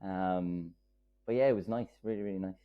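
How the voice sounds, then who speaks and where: A man's voice: deep voice, normal speed, clear, resonant tone. A man with a west of Ireland Kerry accent chatting casually as an interview guest, hesitant and rambling, repeating words, over narrow call audio. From Killarney, County Kerry, Ireland. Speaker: podcast guest.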